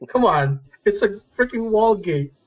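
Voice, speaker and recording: A man with a fairly high voice, talking casually as a tabletop game player. His audio is a little dull and lo-fi. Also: lively intonation, slow. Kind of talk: casual chat.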